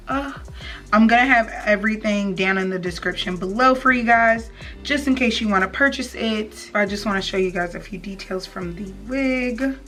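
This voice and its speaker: A young adult woman with a medium-pitched, slightly bright voice runs a beauty vlog from a small indoor room with a plain wall. She chats casually and slangily to her viewers in tutorial style while background music plays.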